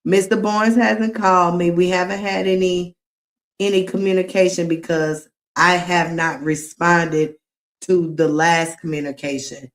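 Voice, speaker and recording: Her voice fairly low and her intonation fairly even, a woman gives casual commentary on a livestream. She addresses the viewers directly, with slow, drawn-out speech.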